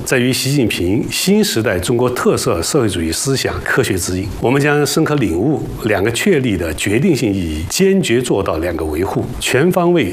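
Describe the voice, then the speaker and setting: A man delivers a prepared formal statement for a news report. His mid-pitched voice has animated intonation, with a faint rumble behind it.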